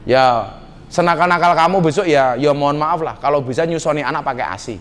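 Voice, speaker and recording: Speaking briskly in a somewhat bright, higher-leaning voice, a middle-aged Javanese-accented man delivers a jokey, teasing sermon to nightclub-goers. He peppers it with Javanese slang, and a live audience fills the hall.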